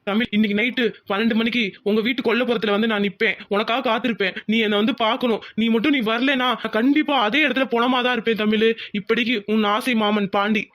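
A man's voice: very high-pitched, steady tone, fast, few pauses, fairly bright tone. A man voicing a lovesick young village man in a cartoon, pleading and worried.

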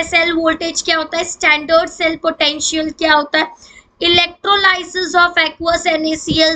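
A woman's voice: high voice, sharp tone, poor audio. A woman chemistry teacher giving an online exam-prep lesson, talking to her students in a mix of Hindi and English and calling them "beta". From India.

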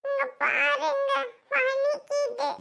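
A woman voicing a tearful little girl who tattles to her father, slow and whiny. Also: very high-pitched, sing-song, vocal fry, sharp tone, heavily acted.

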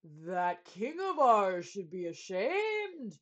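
A woman's voice: medium pitch, wildly swooping pitch, slow pace. A woman voicing a flustered male royal trumpeter in a storybook, groggy and then wailing.

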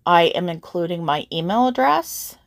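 A woman's voice: on the low side, expressive, normal speed, creaky, no room sound, clean studio sound. A woman voice actor hosting her own channel, earnestly speaking straight to her listeners in a casual update.

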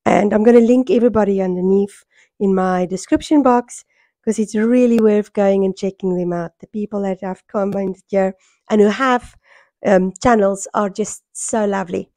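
Hoarse South African woman, close and dry. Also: medium pitch, moderate pace, mellow, dry recording. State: hoarse, voice worn from a cold. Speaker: sewing vlogger. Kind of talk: casual vlog chat to camera. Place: small furnished room at home, indoors. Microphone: small microphone held near the mouth.

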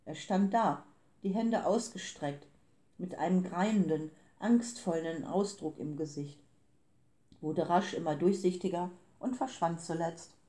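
Low-voiced woman reading a storybook. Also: unhurried, warm tone, reverberant. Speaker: audiobook reader. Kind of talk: scripted storybook narration.

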